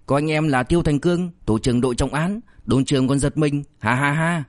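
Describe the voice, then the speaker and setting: A man voicing an easygoing male crime squad leader who jokes and smooths things over. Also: fairly high pitch, a little fast, no room sound, studio quality, natural voice. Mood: joking.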